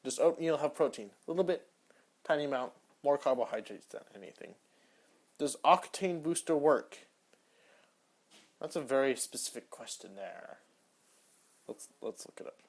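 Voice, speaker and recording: A young man hosting a casual solo podcast, answering search-engine questions in an offhand, rambling way that often trails off quietly. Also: medium pitch, animated, moderate pace, long pauses. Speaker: podcast host.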